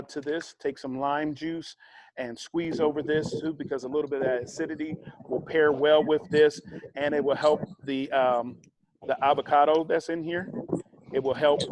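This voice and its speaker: Male cooking instructor, higher-than-average voice, relaxed conversational demo style. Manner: chatty, relaxed, with fillers and asides. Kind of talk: casual cooking demonstration.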